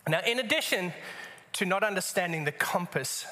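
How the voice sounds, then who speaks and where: A man's voice: high voice, animated, moderate pace, sharp tone. A man with a British accent preaching to a congregation in a humorous storytelling style, wry and self-deprecating. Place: church, speaking to congregation. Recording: reverberant large hall.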